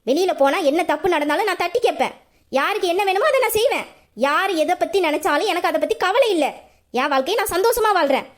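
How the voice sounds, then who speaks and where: A woman voicing a headstrong young working woman who defiantly argues with her mother in an audio drama. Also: extremely high pitch. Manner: forceful, defiant speeches.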